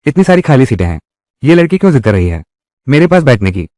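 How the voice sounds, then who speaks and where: A man voices a cocky young college student reborn into his youth, teasing and wry in his asides. His voice rises and falls in a lively way, recorded close and dry with no room sound. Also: medium pitch, quick pace, dry recording, natural voice. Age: young adult. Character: reborn young male college student, cheeky and self-assured. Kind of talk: dubbed drama dialogue.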